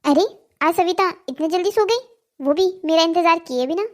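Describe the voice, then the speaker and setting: A woman's voice: very high-pitched, moderate pace. A woman voicing a sneaky middle-aged husband in a Hindi cartoon story, talking in a coaxing, defensive way. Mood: weary.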